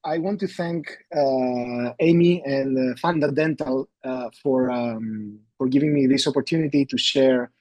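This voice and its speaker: A man's voice: medium pitch, a little slow, hardly any pauses, darkish tone, no echo. A man, presenting a live webinar as an endodontist, hesitant and full of fillers and restarts. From Greece.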